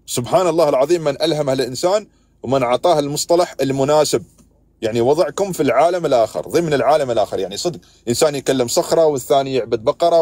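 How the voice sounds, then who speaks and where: A man's voice: medium pitch, darkish tone, no room sound. A man with an Emirati accent hosting a heated live stream, scolding and arguing with callers. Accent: Emirati Arabic. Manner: exasperated, scolding, keeps interrupting callers.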